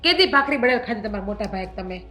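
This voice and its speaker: A quick-tempered young wife in a family stage drama, played by a woman fires back at her husband in a high, bright voice. She speaks fast and sharp and uses rustic dialect words. Her retorts come rapid and pointed. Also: lively intonation. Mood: indignant. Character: overworked young wife, sharp-tongued and defiant.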